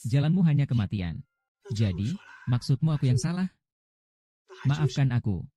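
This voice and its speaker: A man's voice: mid-range voice, big pitch swings, a little fast, mellow. A man reading every part of a dubbed short drama as voice-over, with little change from one character to the next.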